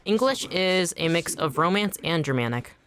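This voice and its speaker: This streamer, a first-language Anishinaabemowin speaker, talks casually to the audience while playing, breaking off mid-sentence to curse and yelp at enemies. The mid-range voice is animated, slightly bright, and at a normal speed.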